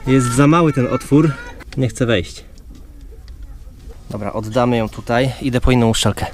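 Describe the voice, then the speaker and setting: A man talks his viewers through a job in a relaxed, explanatory vlog voice, recorded outdoors on a body-worn camera at a campsite. His pitch sits in a middle range. Faint outdoor noise runs behind him. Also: normal speed. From Poland. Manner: chatty, explaining step by step to viewers. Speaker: vlogger and father. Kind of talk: casual how-to vlog narration. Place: outdoors at a campsite beside a caravan.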